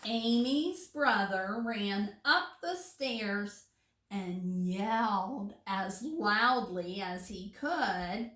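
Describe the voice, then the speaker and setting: A woman teacher reading a picture book aloud to young children, animated, with hushed asides to her listeners. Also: medium pitch, extremely slow. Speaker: first grade teacher. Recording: roomy room, distant mic.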